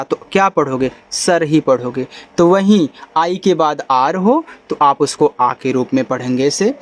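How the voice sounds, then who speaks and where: A man's voice: high voice, fairly bright tone. A man teaching a phonics lesson, spelling out letters one by one and patiently sounding out each word. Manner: patient, repeats and checks understanding. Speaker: English teacher.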